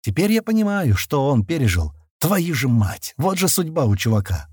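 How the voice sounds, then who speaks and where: A man narrating a first-person audiobook in an expressive, blunt, sometimes coarse manner. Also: a little high, normal speed, husky, no echo, studio quality.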